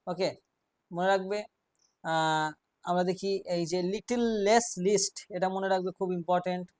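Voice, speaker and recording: A man teaching an English grammar class, explaining rules step by step, quizzing his students and reading example sentences out slowly. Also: high voice, steady tone, a little mellow, no echo.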